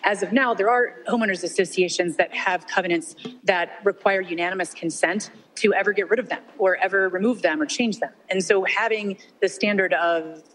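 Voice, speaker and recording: A woman's voice: medium pitch, brisk, few pauses, fairly bright tone, a little hiss or hum, rough recording. Woman on a breaking-up video call. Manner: hesitant, many fillers. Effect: video call connection breaking up. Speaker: attorney. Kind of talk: remote testimony at a legislative hearing.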